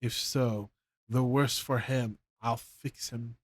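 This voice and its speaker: A man's voice: mid-range voice, fairly even intonation, slow. A man playing an older, easily frightened woodcarver who talks to himself nervously. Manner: trembling, nervous self-talk.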